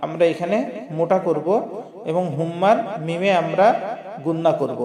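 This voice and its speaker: A man with a high voice leads a word-by-word recitation lesson, chanting each phrase slowly and then explaining it quickly and patiently. The recording is roomy, with a long reverb trailing behind every line. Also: steady tone, a crowd in the background. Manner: patient, corrects common mistakes. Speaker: Quran recitation teacher. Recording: echoey room with long reverb.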